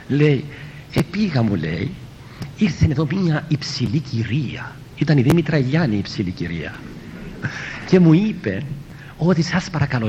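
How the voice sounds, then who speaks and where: A priest tells a story as a homily, acting out the quoted speakers and repeating "he tells me" again and again. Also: darkish tone. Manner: retells a story, quoting others and repeating "he tells me". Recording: muffled lo-fi with faint rumble.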